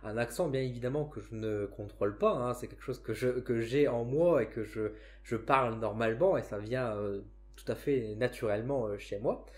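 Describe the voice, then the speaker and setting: A man with a northern French accent talks casually to camera about spirituality. He sits at a middle pitch and thinks aloud, pausing and restarting his sentences as he goes. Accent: northern French (Ch'ti). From northern France. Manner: reflective, frequent hesitations and self-restarts. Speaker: psychic and spiritual vlogger.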